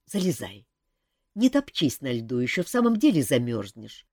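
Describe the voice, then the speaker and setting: A woman voicing a gruff adult male hero who grumbles and answers with curt sarcasm. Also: a bass voice, sing-song, moderate pace, dark tone, no room sound, studio quality, exaggerated voice. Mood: grumbling.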